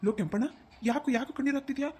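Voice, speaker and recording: A woman's voice: high voice, racing, natural voice. Woman doing an old village parent. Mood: scolding. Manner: gently scolding, fond. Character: old village parent scolding a grown son.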